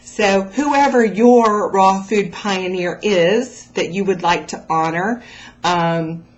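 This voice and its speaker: Speaking slowly in a medium-pitched voice, this raw food vlogger addresses her followers directly with casual, motivational encouragement and emphasis. The recording sounds muffled.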